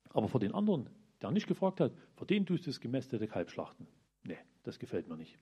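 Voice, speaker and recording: A man's voice: medium pitch, huge pitch swings, moderate pace, mellow, husky. A man giving a casual, colloquial sermon, retelling a parable and asking his listeners questions. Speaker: preacher. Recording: dull lo-fi recording.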